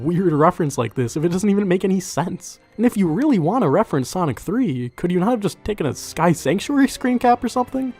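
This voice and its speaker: A man narrates a video game review in a fairly high-pitched voice. His delivery is conversational but scripted, full of dry sarcasm, and music plays lightly behind him. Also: a little mellow. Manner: wry, sarcastic asides.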